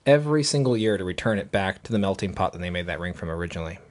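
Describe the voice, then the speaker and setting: A man co-hosting a podcast who jokes around and teases the others with deadpan stories. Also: low voice, very fast. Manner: joking, deadpan teasing. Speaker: podcast co-host. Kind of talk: casual joking chat.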